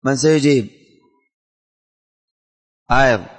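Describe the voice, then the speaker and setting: A man's voice: medium pitch, takes it slowly. A man teaching a religion class in a classroom, quizzing students by name and repeating his questions. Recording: hall reverb.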